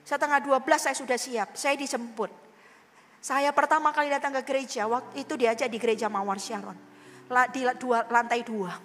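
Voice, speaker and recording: A woman's voice: a little high, steady tone, fairly quick, a bit bright, in a large hall, slight background noise. A woman pastor preaching a sermon, telling a personal story with feeling and often speaking straight to the congregation. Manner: emotional storytelling, addressing the congregation directly.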